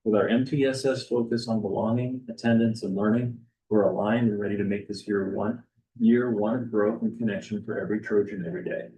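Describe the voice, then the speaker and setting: A man with a fairly low voice reads principals' notes aloud at a school board meeting. He is steady and matter-of-fact. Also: fairly quick, poor audio. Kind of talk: meeting report, reading aloud.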